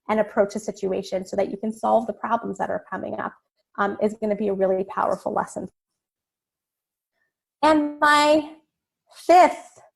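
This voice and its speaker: Woman psychologist, middle-aged, calm webinar presenter, mid-pitched, reassuring and loose. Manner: calm and reassuring, with frequent "um" and "right?". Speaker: child psychologist giving a parenting webinar. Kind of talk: informal webinar talk.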